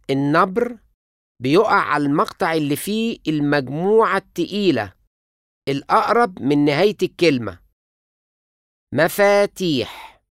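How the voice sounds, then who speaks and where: A language teacher with an Egyptian Arabic accent, giving scripted instructional narration and pronouncing each example word slowly and carefully. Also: mid-range voice, dry recording, studio quality.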